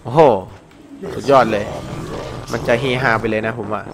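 A man giving excited, casual commentary over his own gameplay, exclaiming often and swearing when the action heats up. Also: lowish voice, moderate pace, music in the background.

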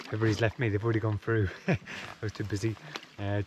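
The audio is dull and the background noisy as a man in his forties speaks at a moderate pace in a fairly low voice. Vlogging casually from a canoe on a lake, he stays relaxed and reflective, chuckling frequently, recorded by an action camera on the boat.

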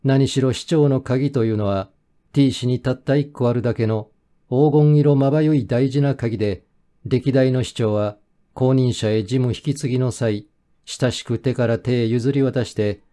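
A man reading a first-person mystery as an audiobook narrator, in steady, measured storytelling. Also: mid-range voice.

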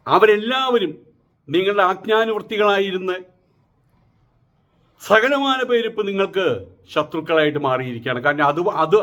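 A man's voice: high-pitched, a bit bright, dull audio. A middle-aged man, giving a mocking political monologue and firing off rhetorical questions again and again. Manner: mocking, rhetorical, repeats his taunting questions. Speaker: political commentator.

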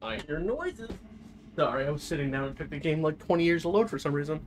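A man giving let's-play commentary in excitable, jokey running reactions as he plays. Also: fairly high pitch, racing, slight background noise. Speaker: gaming video creator. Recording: game music playing underneath.

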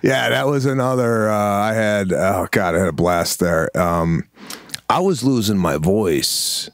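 On the low side and a little slow, a middle-aged man co-hosting a podcast swaps casual stories with plenty of animation. He acts out quotes, repeats himself and throws around "bro." The small-studio handheld-mic recording has no room sound.

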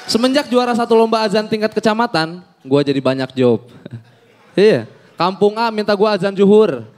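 A young man performing an animated stand-up comedy set on stage, acting out the people in his stories. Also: high voice, moderate pace, a faint crowd, a little hiss or hum. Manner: animated storytelling, acts out quoted people. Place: on a comedy stage before an audience.

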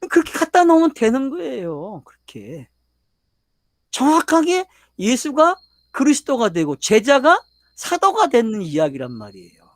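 Older man, pastor, emphatic sermon, lively intonation, dry close recording. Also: very high-pitched, moderate pace, no room sound. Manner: questioning the audience, emphatic. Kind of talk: sermon lecture.

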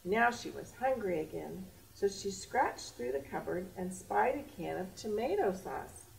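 A middle-aged American woman hosts a children's storytime in a library's kids' area, reading in simple, theatrical phrases. Her medium-pitched voice is expressive and creaky, moving at a measured pace. A distant camera mic picks her up along with faint room noise.

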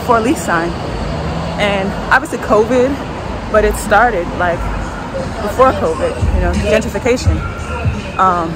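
Woman in her 30s, casual street vlogger, phone mic at arm's length, chatty, lots of ums, music underneath. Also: mid-range voice. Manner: chatty, thinking aloud with ums. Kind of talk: casual walking vlog. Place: city sidewalk outdoors.

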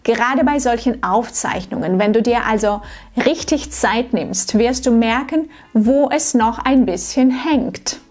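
A woman coaching German pronunciation in a scripted tutorial to camera, slow and clearly articulated, like a teacher. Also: fairly high pitch, lively intonation, a little mellow, faint music behind.

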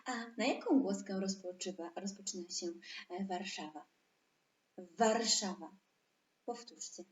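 With a mid-range, slightly mellow voice, a woman teaches little kids online, stretching each syllable slowly for them to echo back. She's a preschool teacher, heard in an echoey room.

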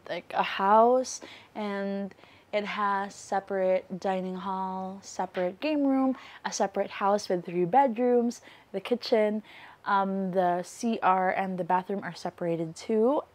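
Chatty Filipino woman vlogging casually. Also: mid-range voice. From Philippines. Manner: chatty, mixes English and Tagalog phrases, animated hand gestures. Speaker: travel vlogger. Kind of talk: casual travel vlog to camera. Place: open-walled farmhouse room with mountain view. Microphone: small clip-on mic.

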